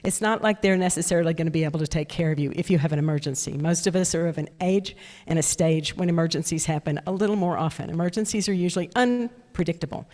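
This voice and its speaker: Speaking fast in a lowish, slightly mellow voice, an older woman at a club meeting chats through a personal story, laughing at herself, before introducing a guest speaker. The indoor meeting room leaves a long, reverberant echo on the recording.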